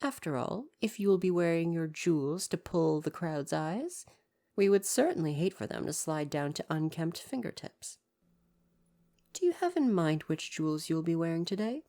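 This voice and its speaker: In an ASMR roleplay, a man plays a devoted and proper royal butler, addressing the listener formally, deferentially, and with fussy attentiveness. His voice sits a little high with a dark tone, lively intonation, and a moderate pace. The mood is attentive and reassuring.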